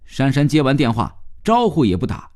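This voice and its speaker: A man's voice: medium pitch, big pitch swings, brisk, a little mellow. Subdued male story narrator.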